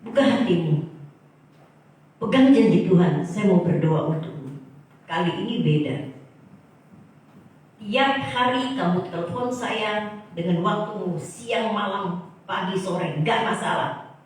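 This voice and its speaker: A woman's voice: mid-range voice, measured pace, pauses often. Emphatic woman preaching in echoey hall. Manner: emphatic, exclaims often. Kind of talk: sermon. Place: church hall. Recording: echoey hall, far from mic.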